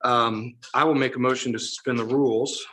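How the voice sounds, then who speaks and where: A man chairing a town council meeting, rattling off motions and vote calls in quick succession. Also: mid-range voice, fairly even intonation, sharp tone, poor audio.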